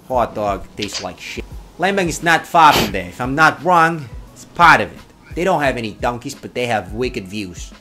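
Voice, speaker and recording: A man's voice: mid-range voice, bright, forceful tone. A young man in his twenties from Indonesia, playfully switching between many put-on accents in a comedic video. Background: background music.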